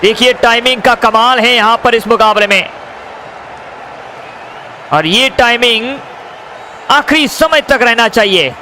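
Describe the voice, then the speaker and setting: A man delivers excited cricket commentary in a very high, forceful voice. He keeps addressing his audience as friends and circles back to stock phrases. A crowd and some noise sit behind him. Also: unhurried, pauses often.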